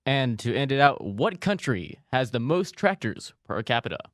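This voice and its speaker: A young man interviewing a guest, firing off quick questions and teasing her answers. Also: medium pitch, very animated, dry recording, studio quality. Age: young adult. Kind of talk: casual rapid-fire Q&A.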